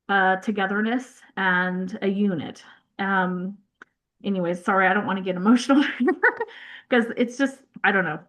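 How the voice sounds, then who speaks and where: A woman presenting as a family newsletter editor on a video call, halting and self-conscious, with many fillers and apologies. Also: mid-range voice, fairly bright tone.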